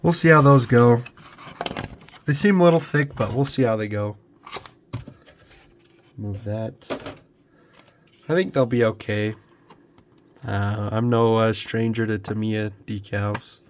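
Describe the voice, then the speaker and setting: Sounding stuffed up with a cold, a young scale model builder talks through an unboxing at his home workbench in a relaxed, rambling way, full of ums and restarts. His pitch is fairly low, his pace slow with frequent pauses, and a little hiss or hum sits under the recording.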